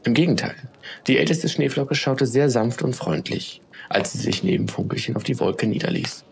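A man narrating a children's bedtime story in a calm, steady storytelling manner. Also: mid-range voice, moderate pace, creaky, noisy background.

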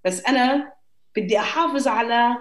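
A woman's voice: a little high, moderate pace. A young woman with a Palestinian Arabic accent talks casually and personally as an interview guest. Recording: roomy echo.

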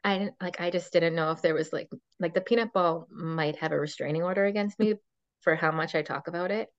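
Low-voiced woman telling a birth story. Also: steady tone, brisk, no room sound. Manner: storytelling with many fillers and quoted dialogue. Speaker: podcast guest. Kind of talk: casual chat. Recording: dull dry lo-fi sound.

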